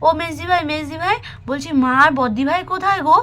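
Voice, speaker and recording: A woman's voice: extremely high pitch, pitched above the performer's own voice. A woman doing an eager chatty young wife. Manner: excited, quick and fussing.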